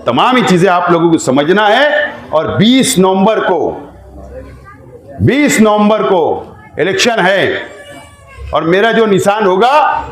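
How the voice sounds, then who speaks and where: A man with a Maharashtrian Hindi-Urdu accent, an election candidate giving an exhorting campaign speech that rises to shouts. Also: high-pitched, animated, slow. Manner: exhorting, emphatic, rising to shouts. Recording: echoey room sound.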